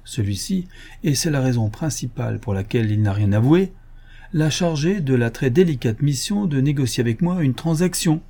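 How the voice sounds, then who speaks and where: Un cambrioleur gentleman, raffiné et moqueur, lu par un homme, dans un livre audio. Il parle avec ironie et une assurance tranquille, d'une voix douce et un peu voilée. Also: mid-range voice, expressive, moderate pace. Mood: amused. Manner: ironic, playful and self-assured. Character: suave, mocking male gentleman burglar.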